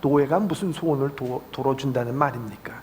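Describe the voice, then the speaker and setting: A man voicing a calm, wise old desert hermit monk who speaks in a serene, gently lecturing way. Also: medium pitch, a little fast, a little hiss or hum, pitched below the performer's own voice, natural voice.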